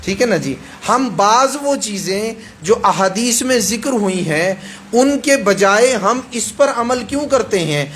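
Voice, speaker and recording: A man's voice: high voice, expressive, a bit bright, a little hiss or hum. A male preacher with a Pakistani Urdu accent gives a hadith sermon in an emphatic way, repeating phrases and checking that the audience agrees.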